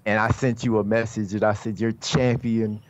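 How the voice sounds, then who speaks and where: A man's voice: lowish voice, flat delivery, fast talker, dull audio. A man speaking as a podcast guest in casual banter, teasing, insistent and steering talk back to himself. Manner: teasing, insistent, self-centered.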